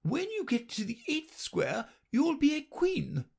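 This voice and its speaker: A man voicing a brisk, imperious queen chess piece who cries out orders in a shrill, commanding way. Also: wildly swooping pitch, gravelly, heavily acted.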